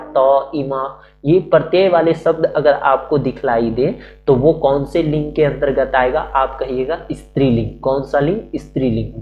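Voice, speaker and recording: A male teacher giving a classroom-style grammar lesson, asking questions and answering them himself, repeating the key words. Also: mid-range voice. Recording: muffled recording with faint hum.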